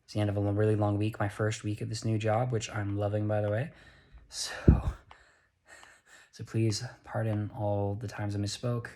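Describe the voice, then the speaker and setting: On the low side and monotone, with a dark tone at normal speed, a tired young man with an American accent rambles earnestly into a handheld phone. He's a vlogger delivering a casual monologue, fixing his words as he talks.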